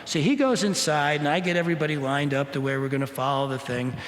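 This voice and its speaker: A male minister giving a spiritual talk, telling a personal story in an animated way and acting out the voices of the people in it. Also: fairly high pitch, fast. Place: church hall. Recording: echoey hall.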